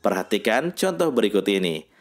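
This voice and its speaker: Man teaching in a calm, measured voice. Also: lowish voice, creaky. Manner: reads sample sentences slowly and deliberately. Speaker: language teacher. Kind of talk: scripted lesson narration.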